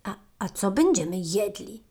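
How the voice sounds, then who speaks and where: A grumpy male badger from a storybook, as a woman reads him, gruff and short with his words. He grunts his replies slowly and quietly. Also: medium pitch, sing-song.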